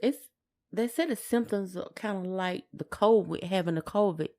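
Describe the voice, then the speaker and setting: An American woman co-hosts a podcast, chatting casually in informal, somewhat hesitant phrasing. Her voice is medium-pitched and mellow, at a moderate pace.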